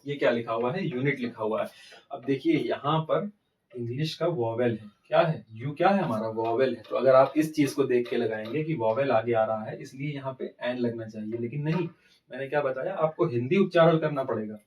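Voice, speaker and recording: A man's voice: medium pitch, brisk, a little mellow, recorded from a distance, a little hiss or hum, poor audio. A man teaching an English grammar lesson, asking questions and answering them himself. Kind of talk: classroom-style grammar lesson.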